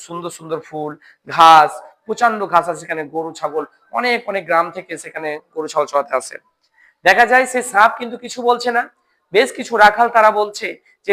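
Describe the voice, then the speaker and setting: Male tutor, moral story talk, high bright voice, keeps checking listeners follow. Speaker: coaching center teacher.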